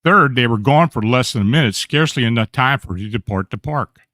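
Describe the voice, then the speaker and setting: Male radio host reading strange tales aloud, even storytelling delivery, dead-dry mic. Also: medium pitch, fairly quick, no echo. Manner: steady reading with small slips and self-corrections. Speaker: radio show host reading paranormal accounts.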